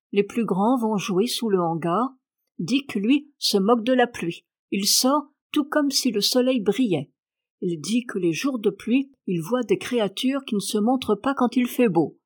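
A woman's voice: medium pitch, close to an everyday voice. Woman reading as a chatty young housemaid. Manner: talkative, matter-of-fact storytelling. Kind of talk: audiobook character reading.

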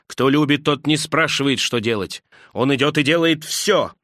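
Man doing a bitter enraged Judas, scornful, shouting accusations, dry close sound. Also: on the high side, moderate pace, no room sound, close to an everyday voice. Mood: furious. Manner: impassioned, scornful, rising to shouts. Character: furious bitter male disciple Judas, accusing.

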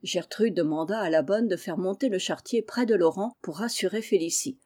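A woman reading a children's novel aloud in a measured, clear way. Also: fairly low pitch, mellow. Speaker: reader. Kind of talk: storybook narration.

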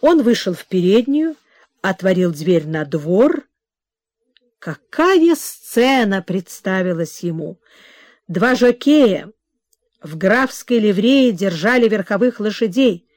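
A woman narrating a classic novel as an audiobook in a measured, expressive way. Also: mid-range voice, dry recording, studio quality. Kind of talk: scripted literary narration.

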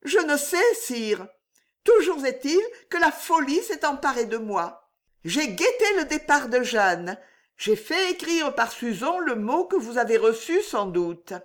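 A woman's voice: high-pitched, big pitch swings, unhurried, pitched above the performer's own voice. A woman reading an audiobook, voicing a passionate, tearful young woman pleading with a king. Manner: pleading, emotional, breathy at times.

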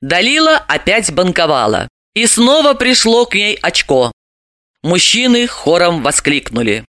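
An audiobook narrator reading a novel with expressive, animated delivery. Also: medium pitch, unhurried, no echo, clean studio sound. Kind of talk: scripted narration.

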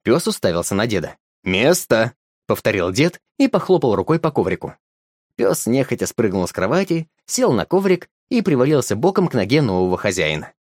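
A man narrating a storybook in a lively, expressive reading. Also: mid-range voice, fairly quick, no echo, clean studio sound.

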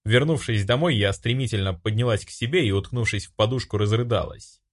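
A man narrating a fantasy audiobook in an expressive storytelling manner. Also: on the low side, fairly quick. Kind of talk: scripted narration.

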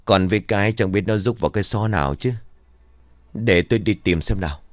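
A man's voice: on the low side, fairly quick, dry recording, lightly acted. A man voicing an anxious mother who frets over her missing daughter. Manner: anxious, fretting. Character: worried mother of a missing girl.

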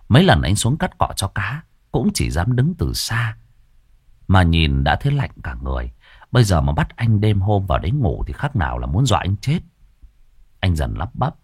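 A man narrates a ghost story in a lively manner. His low voice rises and falls with animation, recorded close and dry. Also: breathy edge, no echo.

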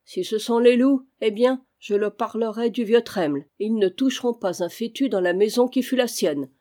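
A woman reading aloud, voicing a fearless, grumbling old woman housekeeper with a hoarse voice. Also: a little high, normal speed, dark tone, lightly acted. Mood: gruff. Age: over 60. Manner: grumbling, exclaiming.

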